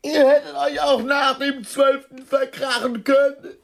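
A woman's voice: sits high, level tone, measured pace, creaky. An actress playing an overwrought, self-pitying woman who sees herself as the clown among her friends, ranting theatrically in a radio drama. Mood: furious.

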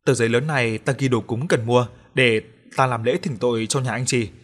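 Guy reading a lady village shaman, calm, bossy, plain voice. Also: medium pitch, a little fast, slightly rough. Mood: instructing. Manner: calm, instructing.

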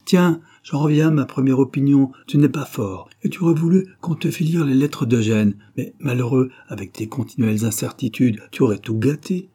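A man's voice: mid-range voice, animated, normal speed, dark tone, husky. A man reading aloud who voices a shrewd, mocking older mother with a dry, wary manner.

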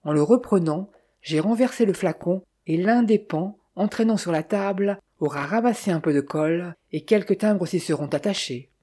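A woman reads a period detective novel aloud at a measured, steady pace. Her voice is low and mellow, slightly husky, with a soft, darkened tone. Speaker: audiobook narrator. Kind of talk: scripted audiobook narration.

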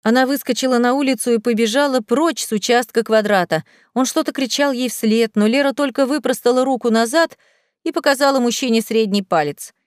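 A woman narrating an audiobook chapter in a lively, expressive reading. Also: on the high side, brisk, smooth, no echo. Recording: dry close studio sound.

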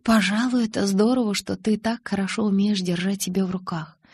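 A woman's voice: mid-range voice, fairly even intonation, a little fast, a little mellow, slightly rough, no echo, pitched above the performer's own voice, natural voice. A woman voicing an earnest, curious teenage girl with a lifted, questioning tone in an audiobook. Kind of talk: audiobook character reading.

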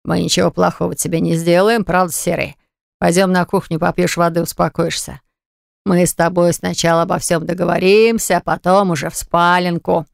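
Reader doing a low slow creepy thug guy, gravelly, sneering. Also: little pitch movement, no room sound, studio quality. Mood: falsely gentle. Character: menacing crude male thug, smug and threatening.

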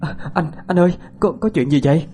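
A woman's voice: low-pitched, a little fast, dark tone, soft background music, voice pushed up, natural voice. A man voicing a frightened young wife in a ghost story, stammering and panicky, in a raised voice.

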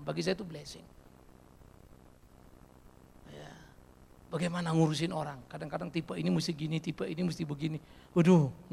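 A middle-aged man preaching a sermon as pastor, animated and folksy, mixing in English phrases and swinging between loud and soft. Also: high voice, gravelly, big-room sound. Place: church.

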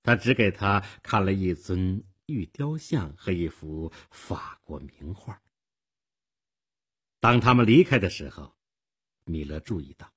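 Husky, slow male radio storyteller. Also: sits low.

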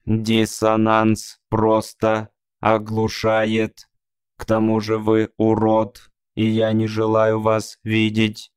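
A man voicing a vain, self-admiring male robot with a creaky, cold, slow voice in an audiobook. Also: fairly low pitch, monotone, no room sound, studio quality.

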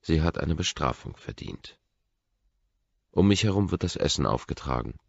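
A man reading a first-person audiobook narration in a measured, restrained way, on a dry, dull lo-fi recording. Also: very deep voice, lively intonation, creaky, no echo.

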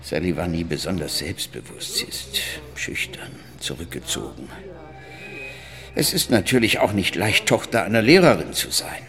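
In a German radio drama, an actor plays Alex Henry, a soft-spoken, middle-aged father and museum man who stays guarded and reflective under questioning. His voice is low and sing-song at a moderate pace.

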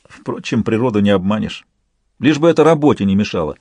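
Man doing a gruff grumbling commander. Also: on the low side, animated, fairly quick, a little mellow, no room sound. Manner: grumbling, dry.

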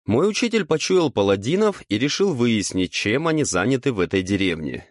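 A man's voice: medium pitch, big pitch swings, fairly quick, no room sound, voice pushed up, close to an everyday voice. A tired but earnest young apprentice answers in a raised voice, as a man puts him on for an audiobook. He explains patiently, recorded close and dry.

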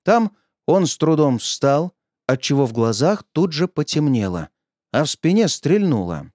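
A male narrator reading an audiobook with lively, animated pitch and a voice pitched a little high for a man. The sound is close and completely dry. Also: unhurried, dry recording. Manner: expressive storytelling.

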